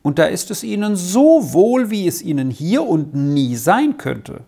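A woman voicing a gentle, earnest young boy in a storybook reading, speaking softly and reassuringly. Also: fairly low pitch, big pitch swings, a little slow, creaky, husky, full character voice.

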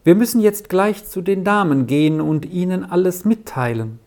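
A storyteller voicing a gentle, loving mother in an audiobook reading, speaking in a soft, reassuring way. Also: medium pitch, expressive, moderate pace, voice pushed up, natural voice.

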